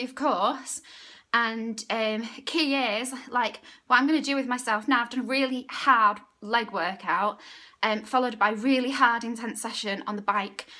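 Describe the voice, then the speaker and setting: A woman's voice: fairly high pitch, pushed and bright. A young woman, a fitness instructor, talking casually through a workout vlog, upbeat and chatty, at times out of breath.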